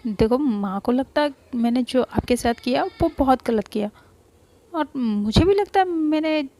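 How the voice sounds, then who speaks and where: A woman's voice: high-pitched, animated, measured pace, mellow. Woman voicing a stammering, stubborn young woman. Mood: reluctant. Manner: stammering, then snapping angrily. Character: proud stubborn young woman forcing an apology.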